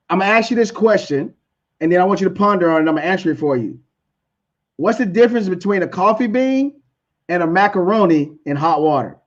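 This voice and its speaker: A man's voice: on the high side, muffled recording. A man giving a motivational talk on customer service, preachy and repeating key lines for emphasis. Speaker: guest speaker.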